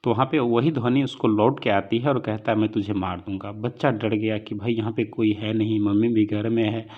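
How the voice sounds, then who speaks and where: A man's voice: fairly low pitch, little pitch movement, moderate pace, narrow, tinny audio. A man teaching an online lesson, earnest and fatherly, who keeps calling his students children and mixes English words into Hindi. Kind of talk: online lecture with a moral talk.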